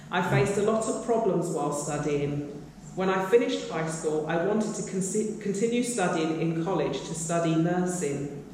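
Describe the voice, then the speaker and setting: A woman reading a written testimony aloud to an audience in a steady, measured manner. Her voice sits in a mid register. She is captured from far off in a large hall with heavy echo and faint background noise. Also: deep voice. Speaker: missionary giving a report.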